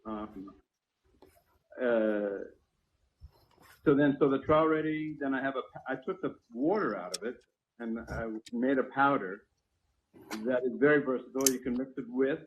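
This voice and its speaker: Over a tinny, narrow phone line, a product inventor and company founder walks through his creations in a technical, step-by-step yet informal way. He speaks unhurriedly in a mid-range voice, leaving long pauses.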